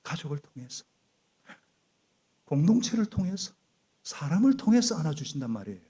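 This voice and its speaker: A middle-aged male pastor preaching a sermon in a church, animated and prompting the congregation to repeat after him. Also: on the high side, brisk, slightly rough. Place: church sanctuary.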